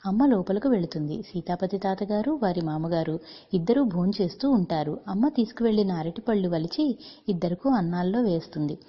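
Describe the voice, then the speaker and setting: Husky-voiced woman narrating a story. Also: mid-range voice, lively intonation, brisk, lo-fi sound.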